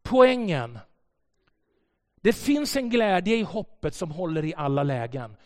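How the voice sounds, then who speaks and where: A man preaching a sermon, telling a story and swinging between soft and loud passages. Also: high-pitched, sing-song, in a large hall. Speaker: pastor. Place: church.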